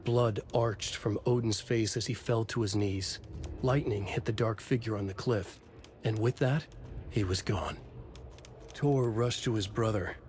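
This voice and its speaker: Brief: male actor as deep-set storybook narrator, grave and deliberate. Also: fairly even intonation, darkish tone, a little hiss or hum, natural voice. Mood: ominous. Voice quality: measured, dramatic delivery. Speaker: game narrator.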